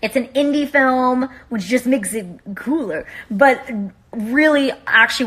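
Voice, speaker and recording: A woman hosting a casual livestream on a phone, bubbly and excited as she chats with viewers. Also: mid-range voice. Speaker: livestream host.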